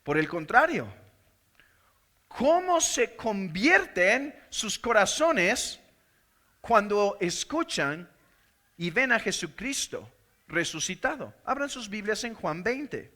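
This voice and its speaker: Man, pastor, sermon, very high voice, emphatic, loud then hushed. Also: sing-song, slow. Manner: emphatic, swinging between loud declarations and hushed asides; reads scripture aloud and explains it.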